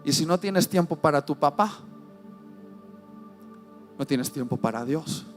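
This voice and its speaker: A man preaching an emotional sermon, telling a personal story with heartfelt pauses and repeated lines. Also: a little high, lively intonation, faint music behind. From Spain.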